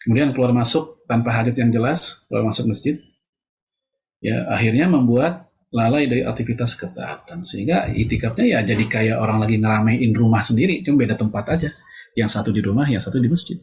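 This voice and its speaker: A middle-aged man giving a casual religious lecture, conversational, with joking asides and frequent filler words. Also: fairly quick. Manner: lively pitch jumps for emphasis. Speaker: Islamic preacher.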